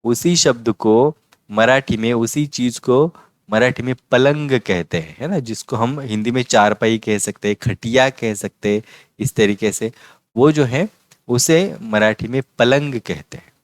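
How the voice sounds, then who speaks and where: A man teaching a vocabulary lesson, patiently repeating each word slowly. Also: medium pitch, dry recording. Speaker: language teacher.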